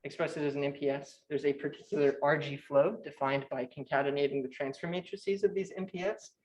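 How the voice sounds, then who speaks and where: A young man presenting a physics talk at a conference, his voice sitting a little high. He talks fast and technically, stumbling into restarts and fillers. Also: fairly even intonation, a little mellow, poor audio. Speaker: conference speaker. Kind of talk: academic talk.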